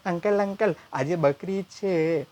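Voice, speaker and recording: A man voicing a cheeky, sly little boy who pesters his uncle, in a high, childish whine. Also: takes it slowly, a little mellow. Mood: eager.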